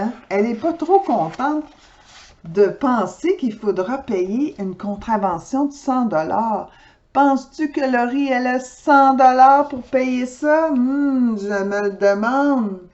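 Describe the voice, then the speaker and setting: A woman's voice: on the high side, muffled recording. A woman reading a children's picture book aloud, talking straight to young listeners. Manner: lively, slow and expressive, talking directly to children. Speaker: storyteller. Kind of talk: children's storybook read-aloud.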